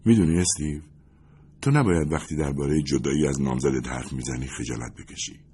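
A man's voice: extremely low pitch, slightly rough, exaggerated voice. A man voicing a chatty, curious young woman in a storybook reading, earnest and prodding. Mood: teasing. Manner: earnest and prodding, softening to a whisper when sneaking.

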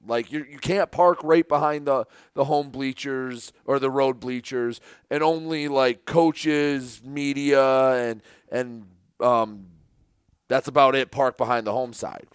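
A man's voice: mid-range voice, clear, resonant tone, no room sound, clean studio sound. A man co-hosting a sports podcast, telling a long story in casual chat and laughing often.

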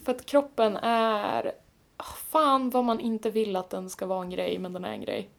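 A woman's voice: medium pitch, expressive, creaky. A woman in casual chat, talking openly and acting out her own past thoughts with lots of fillers.

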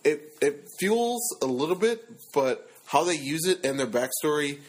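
A man's voice: a little high, a little slow, low-quality recording. A man chatting casually about movies, rambling and joking. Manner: rambling, jokey, animated. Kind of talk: casual chat.

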